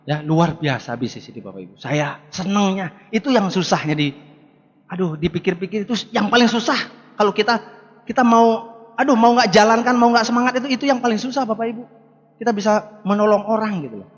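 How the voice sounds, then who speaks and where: High-voiced man preaching to a hall. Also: brisk. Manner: emphatic, repeats rallying words, often addresses the audience. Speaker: motivational business speaker. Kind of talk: seminar speech to a live audience. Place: large hall with live audience. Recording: echoey hall, dull lo-fi sound.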